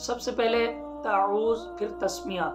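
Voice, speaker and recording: A man teaching Quran recitation, explaining patiently and chanting drawn-out melodic examples. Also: high voice, fairly even intonation, over music. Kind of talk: religious lesson with chanted recitation.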